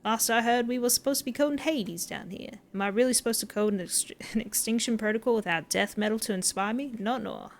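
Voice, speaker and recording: A woman's voice: fairly high pitch, fast, few pauses, a little hiss or hum, natural voice. A woman reading out a rowdy, folksy man who loves death metal, in a put-on American drawl. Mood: boastful.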